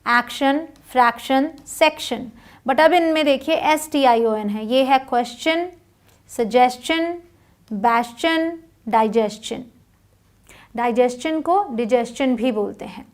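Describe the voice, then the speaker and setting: A woman teaching English pronunciation in Hindi, spelling out letters and then saying each word slowly and clearly. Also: sits high. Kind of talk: phonics lesson.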